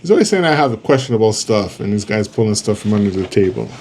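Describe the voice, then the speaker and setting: A man's voice: fairly low pitch, sing-song, fast, a little mellow, slight background noise. A man hosting a casual podcast, easygoing and laughing often while reacting to videos with his co-host.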